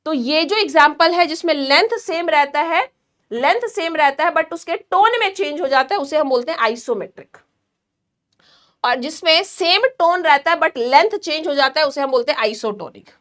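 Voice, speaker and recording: A woman's voice: sits high, animated, fairly bright tone. A woman teaching an online nursing class, quizzing her students and then answering herself. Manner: explains slowly with hand demonstrations.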